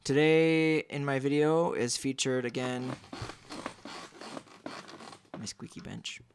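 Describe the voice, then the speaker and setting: A young man chats casually in his vlog with a goofy, deadpan sense of humor. He is a singer-songwriter talking between songs in an offhand, playful way. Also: mid-range voice, slow pace, a little hiss or hum. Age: young adult.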